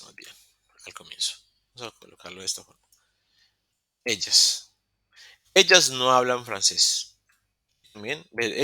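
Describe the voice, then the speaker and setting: Bright-voiced male teacher, patient and explanatory. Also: mid-range voice, no echo. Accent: Latin American Spanish. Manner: patient, explaining step by step with frequent "ok?" checks; self-correcting, restarts mid-word. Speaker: English teacher. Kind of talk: online beginner English class. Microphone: computer mic in a virtual session.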